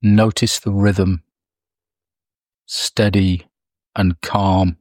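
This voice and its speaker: A man leading a guided meditation, speaking softly and soothingly with long pauses. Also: low-pitched, level tone, dry recording, clean studio sound. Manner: slow, soft, soothing delivery with long pauses.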